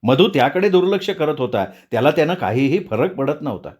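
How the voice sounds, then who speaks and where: A man narrating a serialized novel aloud in a measured, expressive storytelling reading. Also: on the high side.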